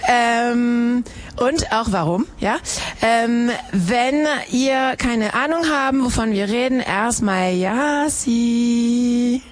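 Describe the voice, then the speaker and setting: Broadcasting live from an outdoor street event, a woman from Germany's Harz region hosts a radio show. Her voice sits on the high side and moves slowly as she chats casually with listeners, teasing them and using plenty of fillers.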